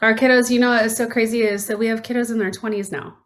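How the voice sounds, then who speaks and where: A woman's voice: fairly high pitch, steady tone, quick pace. A middle-aged woman, a foundation founder, speaking earnestly and from the heart as an interview guest. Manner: earnest, heartfelt, warm appeals. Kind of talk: conversational interview.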